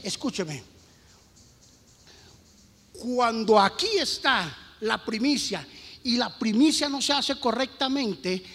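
A man preaches in a very high, bright and forceful voice. His sermon moves from hushed asides to emphatic shouting, full of questions thrown at the congregation. A long church-hall reverb trails every phrase. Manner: storytelling with rhetorical questions to the congregation. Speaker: pastor.

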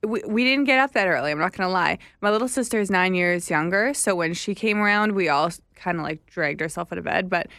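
Lowish-voiced woman in casual chat. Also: fast talker, hardly any pauses, a bit bright, no echo, clean studio sound. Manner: curious, asks many questions, laughs easily. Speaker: podcast co-host.

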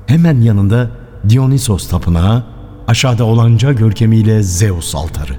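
A man narrating a radio drama in a measured storytelling manner. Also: on the low side, mellow. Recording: long hall reverb.

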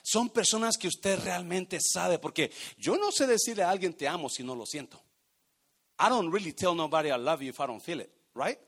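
A man pastor preaching a sermon in an animated way, swinging from loud exhortation down to near-whispers. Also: sits high, moderate pace, gravelly, husky.

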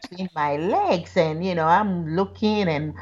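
Speaking at a measured pace in a lowish voice, a Ghana-raised woman author shares candid personal stories as a guest, frequently breaking into laughter. The recording is muffled, with a crowd audible behind her.

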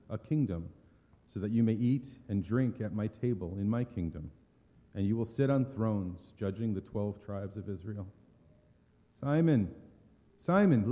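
A man playing a solemn, gentle Jesus in a dramatic scripture reading, measured, earnest and subdued. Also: lowish voice. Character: Jesus, solemn, gentle teacher facing betrayal and death. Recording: echoey hall with long reverb.

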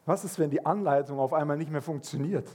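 A man preaching a sermon, telling stories in a lively way and acting out the voices of people in them. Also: on the high side, fast. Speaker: pastor.

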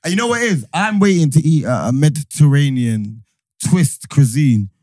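Young london guy, slangy excitable chat, highish scratchy voice. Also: normal speed. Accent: London, urban multicultural slang. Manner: excitable, repeats phrases. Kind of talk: casual group banter, slangy.

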